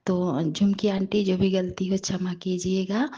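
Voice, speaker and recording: Soft-spoken woman with a worn voice. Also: medium pitch, level tone, measured pace, muffled recording. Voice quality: rough, worn voice. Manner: soft, tender, often slipping into a whisper. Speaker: devotional satsang speaker. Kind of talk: devotional talk addressed to listeners.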